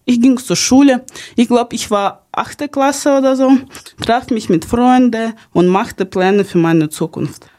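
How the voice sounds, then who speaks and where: A woman's voice: a little high, measured pace, a little mellow. A young woman hosts a podcast. She speaks earnestly, partly reading from a script, with small slips in her grammar. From Ukraine. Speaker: podcast host. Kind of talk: podcast, partly read narration.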